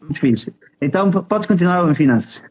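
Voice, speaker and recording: A man with a European Portuguese accent hosts a relaxed chat. His pitch sits a little high, and his delivery is informal and halting, with some slang. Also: slightly rough, rough recording. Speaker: host. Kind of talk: casual chat.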